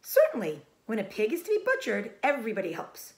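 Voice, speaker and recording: Woman as a loud, blunt old lady sheep. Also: on the high side, huge pitch swings, brisk, pitched above the performer's own voice. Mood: world-weary. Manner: loud, blunt, matter-of-fact. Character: blunt, snappish old female sheep, world-weary busybody.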